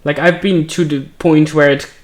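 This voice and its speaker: A man's voice: a little high, steady tone, normal speed, natural voice. A man voicing a hesitant male guide. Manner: sarcastic, hesitant with fillers. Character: wary male guide sharing rumors with the party.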